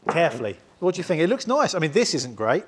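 A man in his thirties talks through a restoration job in a roomy indoor workshop, his voice sitting a touch higher than most men's. He chats and explains as he goes, easy and good-humoured, laughing now and then. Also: big pitch swings, fast, very noisy. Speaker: channel host restoring a car. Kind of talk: casual workshop vlog chat. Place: large indoor garage workshop.

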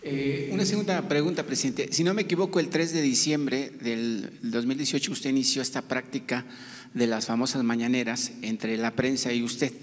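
A man's voice: medium pitch, steady tone, normal speed. Male reporter, formal and wordy questions, echoing hall. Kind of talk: asking a long question at a press conference.

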